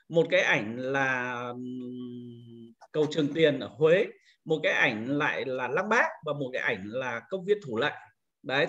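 A man giving a patient, step-by-step screen-recorded software tutorial to teachers, explaining each click as he goes. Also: on the high side, lo-fi sound. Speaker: teacher trainer.

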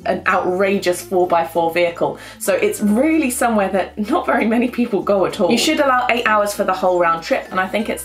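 A young woman, giving upbeat, chatty travel tips to camera from a small bedroom. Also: medium pitch. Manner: upbeat, chatty, enthusiastic recommendations. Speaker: travel vlogger.

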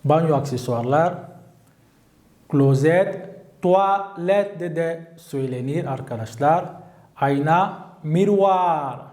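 A man leads a vocabulary drill, saying each word and then repeating it with careful emphasis. His voice sits high and his pace is very slow. The room around him rings with echo. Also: a little mellow. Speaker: French teacher. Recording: echoey room.

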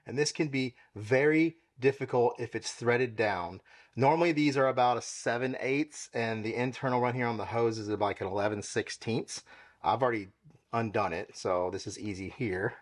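In his tiled-floor home garage, a young car-detailing channel host gives a casual product demo, explaining as he works with his hands and moves around, speaking into a camera mic. His voice is medium-pitched and moderately paced.

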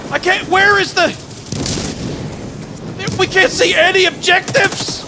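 A man puts on a bossy drill sergeant for game role-play, pitched extremely high and strained. He barks orders and swears freely over loud battle noise. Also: flat delivery, slow pace. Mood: frantic, barking.

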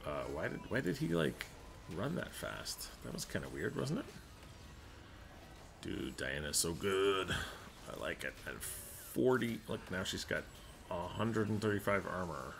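A man's voice: low-pitched, sing-song, measured pace, gravelly, fairly bright tone, a little hiss or hum. A man giving casual commentary while he plays a game, thinking aloud and muttering to himself. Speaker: gaming streamer.

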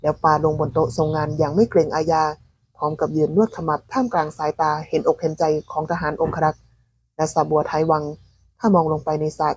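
Low husky woman reading a novel. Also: fairly even intonation, brisk, darkish tone, rough recording. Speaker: novel reader. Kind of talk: storytelling narration of a novel.

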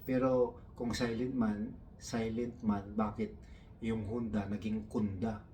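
A man's voice: lowish voice, level tone, slow pace, mellow, far from the mic, slight background noise. A man from the Philippines doing stand-up storytelling, taking on his coworkers' broken English in a raised voice. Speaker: comedian.

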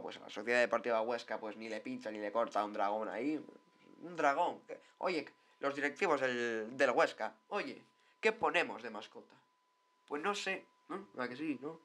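A man's voice: medium pitch, fairly bright tone. A man talks through football mascots in a loose, chatty commentary. He rambles, doubles back on his words and keeps tossing in little tag questions as he goes. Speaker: football vlogger reviewing mascots. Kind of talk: casual commentary.

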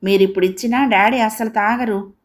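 A woman's voice: medium pitch, fairly even intonation, fairly quick, lightly acted. Woman voicing a tearful young schoolgirl. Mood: pleading. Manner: plaintive, tearful pleading. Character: young schoolgirl grieving her mother.

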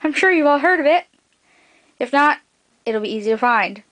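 A young adult woman talks to camera as a video blogger, high-pitched, animated and a bit bright, keeping a moderate pace. Her manner is playful and teasing, recorded noisily on the camera's mic in a small bedroom, much like a webcam.

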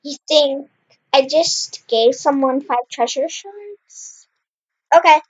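In a slow, high voice with lively intonation, a young woman who runs a gaming channel gives casual commentary on her Minecraft game. She's talkative and exclaims at what she sees, coughing slightly and clearing her throat. The high frequencies are cut off.

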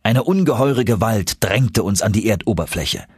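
A man narrates an audiobook with lively, expressive storytelling, his pitch moving a lot. His voice is somewhat husky, recorded close and dry with no room sound. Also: normal speed, no echo. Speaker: audiobook reader. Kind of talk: scripted narration.

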